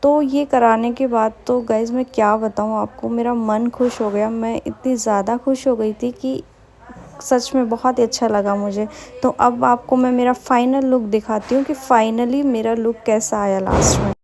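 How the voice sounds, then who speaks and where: Brief: young woman, chatty vlogger voice-over, mellow and slightly high. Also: steady tone, normal speed. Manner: chatty, enthusiastic, repeats "matlab" and "bahut hi". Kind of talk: casual vlog voice-over.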